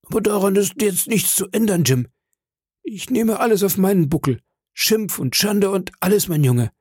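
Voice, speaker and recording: A man's voice: high-pitched, lively intonation, normal speed, darkish tone, slightly rough, no room sound, studio quality, voice pushed up. A man voicing an earnest, fatherly middle-aged ship's doctor who scolds and urges in an audiobook reading.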